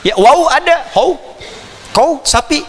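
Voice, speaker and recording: A man preaching a Quran commentary lecture to an audience, animated and playful, slipping into imitations of foreign phrases. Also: very high-pitched, slow, long reverb tail. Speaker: Islamic preacher.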